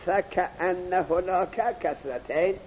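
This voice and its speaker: A man teaching grammar in a classroom lecture, reading Arabic text slowly, then explaining it in Persian and putting questions to his students. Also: high-pitched, darkish tone, long reverb tail, a little hiss or hum, poor audio.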